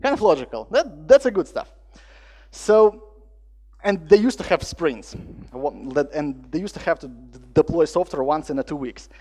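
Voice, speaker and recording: High-voiced man giving a tech talk. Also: normal speed. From Latvia. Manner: lively storytelling with acted-out dialogue and non-native phrasing. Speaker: conference speaker. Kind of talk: conference talk.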